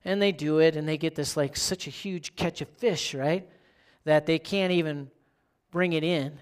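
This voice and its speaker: Pastor giving a relaxed, chatty sermon, checks in with the congregation, asks questions. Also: mid-range voice, normal speed, smooth. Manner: conversational, keeps asking "right?".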